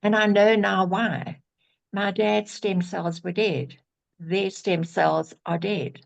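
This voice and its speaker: A woman's voice: medium pitch, fairly even intonation, slow pace, vocal fry, dull audio. A woman of seventy, telling a personal story earnestly and emphatically over a video call, often restarting her words. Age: 70s. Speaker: guest sharing a testimonial. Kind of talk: personal testimony on a group call.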